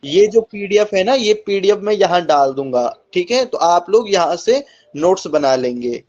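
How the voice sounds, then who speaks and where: High-pitched guy teaching sanskrit, reciting number words slow and careful, kinda dull lo-fi sound. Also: expressive, a little mellow. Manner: slow, deliberate recitation with frequent "ठीक है?" checks. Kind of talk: online coaching class lesson, reciting numbers. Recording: slightly dull lo-fi recording.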